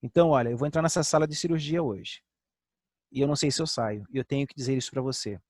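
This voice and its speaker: An older man preaching a sermon with personal testimony, earnest, sinking to soft lows and rising to emphatic highs. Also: fast, no room sound, studio quality.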